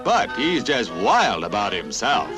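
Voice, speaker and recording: A man narrating a 1950s newsreel in a brisk, punchy announcer style, dramatic on serious stories and jokey on light ones. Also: on the low side, huge pitch swings. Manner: brisk, punchy announcer delivery with playful asides. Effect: old newsreel recording. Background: music.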